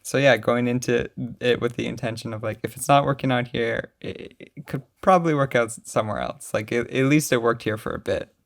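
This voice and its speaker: A man's voice: mid-range voice, brisk, creaky, few pauses. A young man hosting a casual podcast, talking in an upbeat, playful and encouraging way. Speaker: podcast host.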